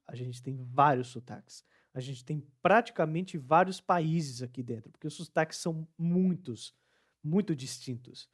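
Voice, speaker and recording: A young man from the Northeast of Brazil with a Northeastern Brazilian Portuguese accent, teaching English pronunciation in a casual online lesson and repeating words to show the sounds. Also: a little high.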